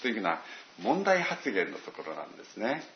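A man's voice: lowish voice, wildly swooping pitch, fairly quick, vocal fry, echoey room, dull audio. A man preaching a sermon, telling it like a story with dramatic quoted asides. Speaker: pastor.

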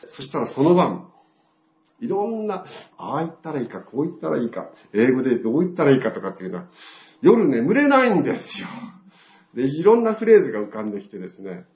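Animated older man telling a testimony. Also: medium pitch, quick pace. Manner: storytelling, acts out quoted dialogue. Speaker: church member giving testimony. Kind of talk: testimony talk to a congregation. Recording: roomy, dull lo-fi sound.

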